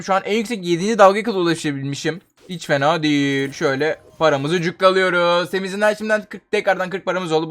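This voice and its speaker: A young man with a Turkish accent narrates his own gameplay as a channel host. His voice sits high and light, and he talks at a rapid clip. He keeps up constant chatter and breaks into loud, panicked yelling whenever his character gets into trouble. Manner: jumps into loud panicked yelling when dying. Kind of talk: excited Roblox gameplay commentary.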